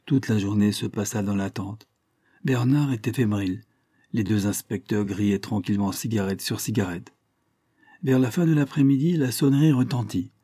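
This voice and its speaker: A man narrating a detective story in a measured, dramatic way, his low voice dark and husky. the sound is close and completely dry, with no room around it. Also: no echo.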